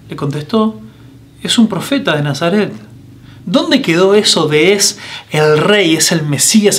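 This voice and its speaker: A man with a Rioplatense Spanish accent preaching a sermon as pastor, earnest, asking listeners direct questions with frequent restarts and fillers. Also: high-pitched. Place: church broadcast, recorded for online meeting.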